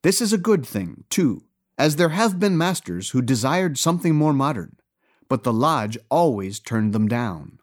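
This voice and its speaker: A man reading a story aloud as narrator, in a wry, gently ironic tone. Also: medium pitch, sing-song, measured pace.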